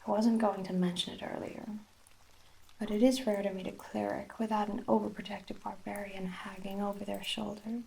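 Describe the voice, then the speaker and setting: A woman with an Irish accent in a soft ASMR role-play, playing a gentle, attentive hair sorcerer with old-fashioned storybook phrasing. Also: mid-range voice, flat delivery, moderate pace, creaky, low-quality recording. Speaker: ASMR performer.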